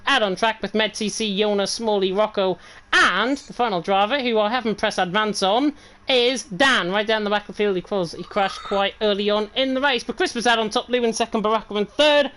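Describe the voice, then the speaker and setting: A woman's voice: medium pitch, brisk, a bit bright, poor audio. A woman commentating live on an online racing league, chatty and upbeat as she runs through the results. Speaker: race commentator. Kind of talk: live esports race commentary.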